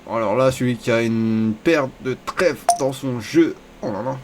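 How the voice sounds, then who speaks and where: A man narrates his own online poker session as it unfolds, half to himself and half to the players. His talk is casual and crude. Every bad bet sends his voice up into a sudden high-pitched squeal. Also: measured pace, background noise. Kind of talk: live gameplay commentary.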